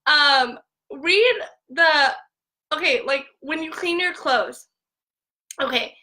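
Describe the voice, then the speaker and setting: Young woman, high voice, bright tone, rambling live-stream rant, phone mic. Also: takes it slowly, poor audio. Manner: filler-heavy, repeats "like" constantly. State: tearful at times. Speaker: essential oils seller.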